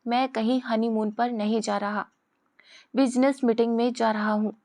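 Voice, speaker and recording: A woman's voice: fairly high pitch, steady tone, moderate pace, a little mellow, close to an everyday voice. A woman voicing an arrogant, cold young rich man who talks in a cool, sarcastic, dismissive way. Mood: scornful.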